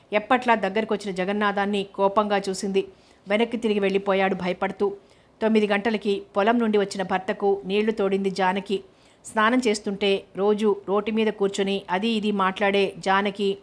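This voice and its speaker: An audiobook narrator, a woman, reads a novel in a steady, measured way. Her mid-range pitch barely moves, so the narration stays level and even throughout.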